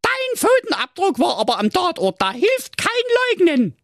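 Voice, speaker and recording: A man's voice: extremely high pitch, huge pitch swings, normal speed, no room sound, studio quality, pitched above the performer's own voice, exaggerated voice. A man voicing a prim, triumphant young girl detective in a fairy-tale parody, pompous and accusing. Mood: shrill triumphant.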